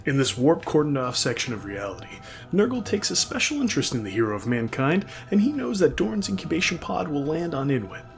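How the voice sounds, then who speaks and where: This narrator of a comedic fan lore video has a slightly high, sing-song, creaky voice and talks a little fast. He reads his script in a mock-grand, sardonic style, tossing in irreverent asides, with music playing behind him.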